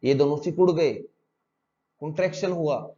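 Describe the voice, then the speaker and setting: Male teacher, mellow tone, muffled lo-fi audio; drills terms with repeated questions. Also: a little high, normal speed. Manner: repetitive drilling with rhetorical questions. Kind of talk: exam-prep lecture.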